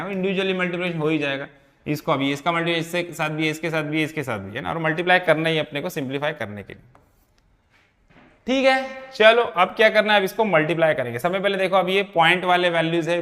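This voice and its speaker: A man's voice: a little high, fairly bright tone. A male teacher working through a physics problem step by step, checking in often with his students. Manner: repeats and checks in with "है ना" and "ठीक है". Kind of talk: step-by-step problem solving lesson.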